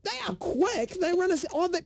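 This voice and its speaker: A man's voice: very high-pitched, normal speed, no echo. A man with a New Zealand accent co-hosting a radio show, telling stories in playful banter. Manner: animated, playful storyteller. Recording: radio broadcast played back.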